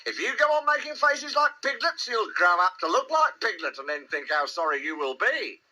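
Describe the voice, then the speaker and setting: Man voicing Kanga, a high, brisk mother kangaroo. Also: animated, bright, forceful tone, heavily acted. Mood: severe. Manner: fussy, coaxing, mildly severe. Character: brisk motherly kangaroo, soothing but firm.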